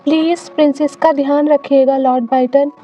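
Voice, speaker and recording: A woman voicing a gentle royal queen mother, read in a plain storytelling way. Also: high-pitched, steady tone, moderate pace, close to an everyday voice. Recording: slightly dull recording, faint music.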